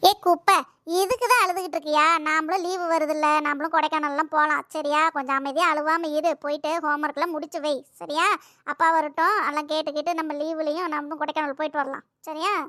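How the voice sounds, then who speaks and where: A woman's voice: high-pitched, fairly even intonation, fast, sharp tone, dry recording, studio quality. A woman voicing a cartoon mother who scolds and coaxes her daughter. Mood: scolding. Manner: scolding, coaxing. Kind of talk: cartoon voice acting.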